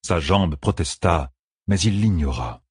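A man reading a fantasy novel aloud in a steady, measured narration. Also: low voice, breathy edge, no echo, clean studio sound. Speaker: audiobook narrator.

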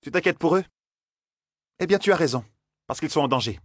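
Brief: cold, condescending older sorceress, a man voices her, raised pitch, husky tone, storybook reading. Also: expressive, no echo, clean studio sound. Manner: measured, condescending. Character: haughty cold female Aes Sedai, condescending.

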